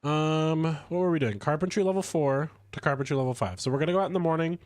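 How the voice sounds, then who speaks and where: A man chatting casually while streaming a game, stuffy from a cold, rambling with lively swings in pitch. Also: quick pace, no echo. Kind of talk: casual gameplay commentary.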